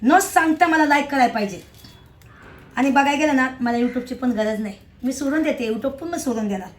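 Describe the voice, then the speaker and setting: A woman's voice: high voice, moderate pace. A middle-aged woman vlogging casually, chatty and emphatic, often asking her viewers if they agree. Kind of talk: casual rambling vlog to viewers.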